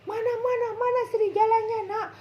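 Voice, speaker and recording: A woman's voice: fairly high pitch, animated, normal speed, lo-fi sound, natural voice. A woman voicing a group of village farmers in a storybook tale, asking urgent questions and scolding. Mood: alarmed. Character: worried, then annoyed village farmers.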